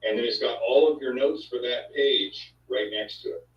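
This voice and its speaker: A man's voice: mid-range voice, normal speed. A man hosting a casual chat, talking in an easygoing, rambling way. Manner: easygoing, rambling, sound effects. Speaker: host. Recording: echoey, distant, dull sound.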